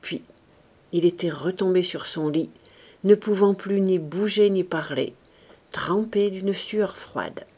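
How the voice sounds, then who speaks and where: A woman narrating a classic novel as an audiobook, in a measured, expressive reading. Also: lowish voice. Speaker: audiobook reader.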